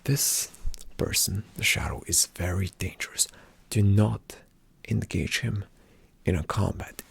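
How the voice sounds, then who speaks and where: Speaking low, a man plays a calm, attentive spy agent in a whispered ASMR roleplay, briefing a partner. His hushed, deliberate instructions come through in a soft, breathy, slightly creaky voice.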